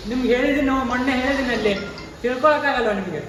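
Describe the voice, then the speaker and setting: A young man playing a protective friend who comforts a classmate and scolds the bullies, urgent and forceful. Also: extremely high pitch, very fast, roomy sound, in a large hall, crowd noise, low-quality recording. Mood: angry scolding. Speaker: caring friend student.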